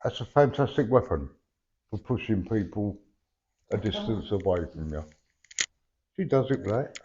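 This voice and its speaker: A man with a low, mellow voice speaks as a medium, his words softened and slightly slurred by missing teeth. He is blunt and chatty, often checking that his listener follows. The live recording is dull and lo-fi. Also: animated, normal speed. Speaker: spirit medium giving a reading. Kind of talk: live mediumship reading, conversational. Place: live event before a sitter.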